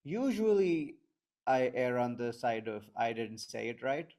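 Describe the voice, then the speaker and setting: A man's voice: mid-range voice, very animated, a little slow, a little mellow. A man answering interview questions, reflective and working things through aloud.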